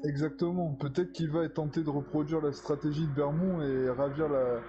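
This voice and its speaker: A man's voice: a little high, fairly even intonation, normal speed. A man giving live analysis as a motorsport commentator on a sim race, on a lo-fi, noisy recording. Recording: dull lo-fi sound, clear noise.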